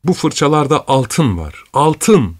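Young male painter, passionate, excitable, breathless, voiced by a man narrator, dry sound. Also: mid-range voice, takes it slowly, slightly rough, dry recording, pitched above the performer's own voice, exaggerated voice. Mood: impassioned. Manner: impassioned, breathless with joy.

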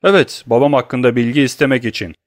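A male audiobook narrator voices a young nobleman who is cold and grimly menacing, delivering every line clipped and hard. The character's voice is pitched slightly higher and pushed slightly louder than the surrounding narration, spoken fast and only lightly acted. The recording is dry and close, with no room sound.

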